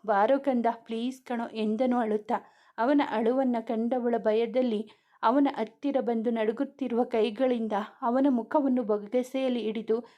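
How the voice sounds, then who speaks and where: Woman reading a romance story, mellow higher voice.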